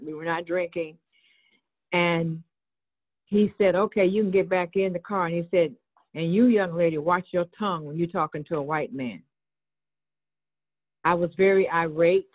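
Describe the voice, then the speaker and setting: A woman from Chicago, a reverend, giving an earnest personal testimony in an online discussion and acting out the exchanges she recounts, calling in by cell phone. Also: fairly low pitch. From Chicago, USA. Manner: earnest storytelling, acts out quoted exchanges. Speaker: reverend and board member. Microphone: cell phone call-in. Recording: phoned-in, narrow phone-line sound.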